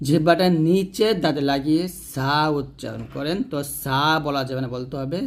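Male Quran tutor, slightly high voice, patient step-by-step delivery, repeats each sound. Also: gravelly. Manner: slow, patient instruction, repeating each letter sound several times; asks questions and answers them himself. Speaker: Quran teacher. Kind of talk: step-by-step pronunciation lesson.

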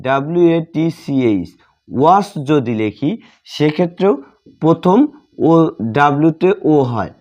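A man teaching a class at a slightly raised pitch, breaking words into letters and syllables at an unhurried pace. The recording is dull and lo-fi. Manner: slow, spells letters out one by one. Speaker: English teacher. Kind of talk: classroom lesson. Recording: dull lo-fi sound.

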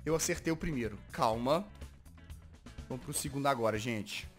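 An excitable Minecraft parkour commentator with a Brazilian Portuguese accent hosts this gaming video, moving from mutters to frustrated yells. He talks at normal speed in a mid-range voice over faint music.

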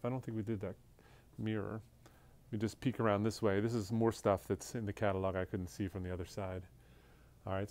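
A man with a fairly low, slightly mellow voice and no echo strolls through a large indoor auction showroom packed with furniture. Working for the auction house, he gives a preview walkthrough, casually and offhandedly naming furniture and lots as he goes. He's off screen, filmed on a handheld phone camera.

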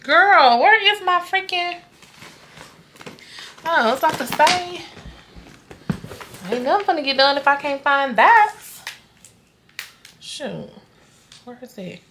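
Her voice sits high and is very animated, yet she talks slowly with long pauses over background noise. This young woman vlogger is at home at night in a casual chat to the camera and her dog, tired, rambling, and often trailing off to herself.

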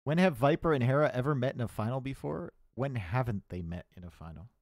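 Fast-talking and medium-pitched, this esports caster with a Canadian accent provides chatty live commentary, joking with chat and using dry sarcasm. He shouts loudly and excitedly in tense moments, and the recording is dry.

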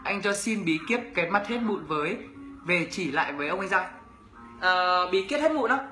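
A young man with a Northern Vietnamese accent, from Bac Ninh, is a YouTuber fielding viewer questions in a relaxed livestream, reading comments aloud and teasing the audience as he responds. He has a high voice with lively intonation, a sharp tone and a moderate pace. The audio sounds roomy, with faint music behind.

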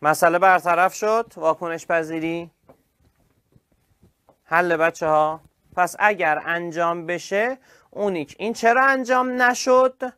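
Lively higher-voiced man teaching class. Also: clean tone, dry recording, clean studio sound. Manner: lively, praising students by name. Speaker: chemistry teacher. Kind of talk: online class lecture.

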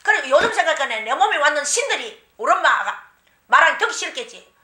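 A woman shaman with a Gyeongsang accent telling her own story, animated and often laughing, acting out the people she quotes. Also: high voice, a little fast. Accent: Gyeongsang Korean. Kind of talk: personal storytelling. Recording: echoey room.

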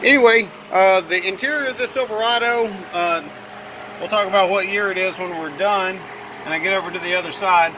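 A man giving a casual vlog walkaround in a workshop, raising his voice to talk loudly over a fan. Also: high-pitched, fairly quick. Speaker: auto detailer presenting own work. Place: garage workshop, indoors. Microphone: handheld phone camera, operator behind it. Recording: steady fan noise in workshop. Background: running fan.

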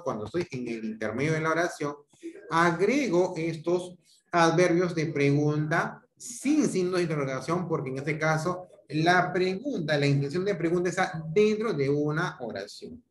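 A man with a Peruvian Spanish accent teaching a grammar class over a video call, explaining step by step and checking in with his students often. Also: a little high. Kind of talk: online grammar lecture. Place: home room on a video call. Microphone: computer mic on a video call. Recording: echoey room.

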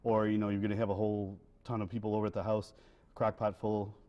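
A man's voice: on the low side, fast talker, dull audio. A man in his thirties, a winery guest on a TV cooking segment, talking casually with lots of fillers while he cooks in a studio kitchen. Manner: relaxed, many fillers and restarts. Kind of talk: casual cooking demo chat.

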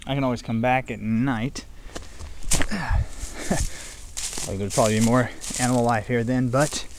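A guy pokes around an old barn-like building and the area outside, narrating in a calm, plain, matter-of-fact way with filler pauses. He's an urban explorer with a mid-range voice, filmed on a handheld camera with noise behind him.

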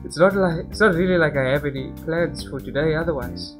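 Young guy reading a visual novel out loud, rambly side comments, bit high voice, guitar music behind. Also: a little fast. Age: young adult. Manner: rambling, self-interrupting. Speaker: gaming channel host. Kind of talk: casual let's-play reading and commentary.

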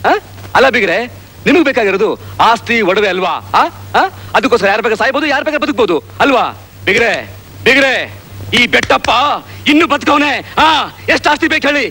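An actor playing a devoted village brother, pleading and repeating himself in anguish. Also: male voice, extremely high pitch, bright, forceful tone, heavily acted. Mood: accusing. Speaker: elder brother.

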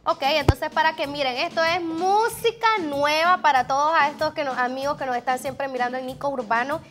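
Nicaraguan lady hosting a tv studio show, high voice, upbeat chatter, faint music behind. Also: a little fast, a bit bright. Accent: Nicaraguan Spanish. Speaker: TV show host. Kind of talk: studio entertainment interview. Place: TV studio set.

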